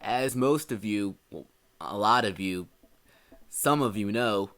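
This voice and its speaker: A young music reviewer hosts his own video, delivering a scripted, earnest album review with dry asides. His voice is on the low side, slow and fairly bright. A faint music bed plays behind him.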